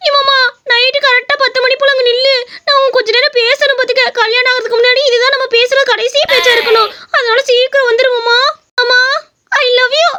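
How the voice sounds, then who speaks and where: A woman's voice: very high voice, flat delivery, fairly quick, bright, forceful tone. A woman voicing a shy, affectionate young village bride-to-be in a cartoon story, coaxing her fiancé. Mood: coy. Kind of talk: cartoon voice acting.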